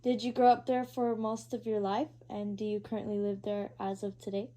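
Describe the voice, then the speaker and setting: A woman interviewing her uncle at his house, reading prepared questions in a steady, formal way. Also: mid-range voice, brisk. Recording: poor quality home recording.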